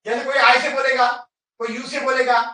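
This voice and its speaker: Here a man leads an English class at normal speed, his very high voice level and sharp. His style is instructive: he tells students what to do and repeatedly asks "ठीक है?" to check in. The camera sits far away, leaving him distant and echoey in the room.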